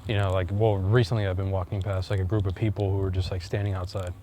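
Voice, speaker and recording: A man's voice: deep voice, flat delivery, quick pace. A man vlogging outdoors on a walk, talking in a rambling, hesitant way full of fillers and restarts. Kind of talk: casual chat while walking. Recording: loud wind noise on the mic.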